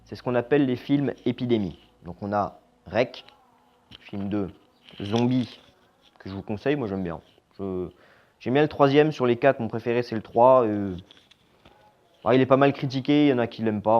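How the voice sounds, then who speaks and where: A man giving a casual, opinionated horror film review. He is blunt and slangy, and his voice trails off quietly at the ends of phrases. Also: mid-range voice. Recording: slightly dull lo-fi sound with faint music.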